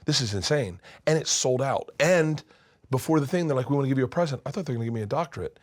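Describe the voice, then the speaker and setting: A comedian in his fifties telling stories as an interview guest, animated and swinging between loud and hushed. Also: mid-range voice, fast. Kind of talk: candid storytelling in conversation. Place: his studio.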